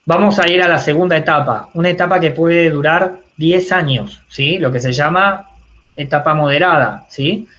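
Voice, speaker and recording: A man's voice: a little high, normal speed, a bit bright. A man with a Rioplatense accent teaching a university class online in a conversational way, often checking in with his students. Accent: Rioplatense Spanish. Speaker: university lecturer. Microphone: video call. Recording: muffled video call audio.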